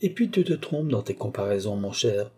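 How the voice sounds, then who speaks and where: A man's voice: lowish voice, very animated, normal speed, a little mellow, breathy edge. A man voicing an aged, mannered court duke who mocks and lectures in an affected, theatrical way. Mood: sly mocking.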